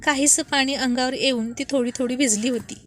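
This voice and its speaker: A woman narrating a romantic story and voicing its dialogue with lively emphasis. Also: sits high, brisk, a little hiss or hum. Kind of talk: scripted story narration with character voices.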